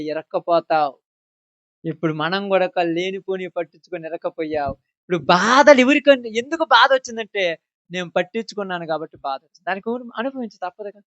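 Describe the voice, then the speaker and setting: A high-voiced man preaching a sermon, talking straight at his listeners. He swings from loud, pressing points to hushed asides. The recording is dry and a little dull. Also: dry recording. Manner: emphatic, swinging loud and soft, addressing listeners directly.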